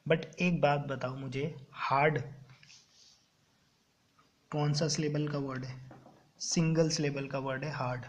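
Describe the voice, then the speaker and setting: A man coaching exam students on English grammar in Hindi mixed with English terms, often checking "clear?" as he goes. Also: a little high. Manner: keeps checking understanding with "clear?" and "ok". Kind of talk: classroom-style exam coaching lecture.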